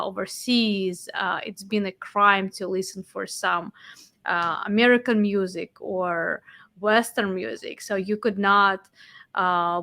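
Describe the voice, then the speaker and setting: Russian-accented woman telling her story. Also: medium pitch. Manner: animated, with fillers and restarts. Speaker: podcast host, interviewee. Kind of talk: casual interview.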